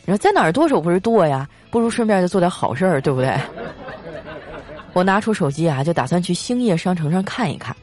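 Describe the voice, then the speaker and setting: This young woman speaks at a fairly low pitch with faint music in the background. She jokes her way through a lively comic storytelling monologue with a sponsored portion, lengthening her particles.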